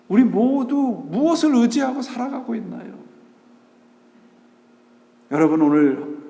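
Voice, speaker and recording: A man's voice: fairly high pitch, warm tone. A male pastor preaching a Sunday sermon, asking rhetorical questions and answering them himself, and mixing English words into his talk. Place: church sanctuary. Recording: echoey church hall.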